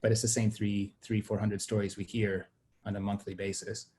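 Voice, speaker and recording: On a conversational video-call interview, a young adult guest from Sweden answers at length and with care, frequently starting over mid-thought. His voice is fairly low, level, and warm at a moderate pace, with a little hiss or hum underneath.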